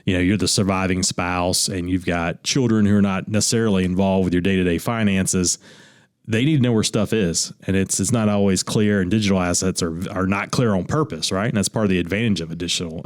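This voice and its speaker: A man's voice: low-pitched, fairly even intonation, a little fast, dry recording, clean studio sound. A man, an attorney co-hosting a radio show, talking casually about wills with easygoing restarts. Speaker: attorney co-host. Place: radio studio.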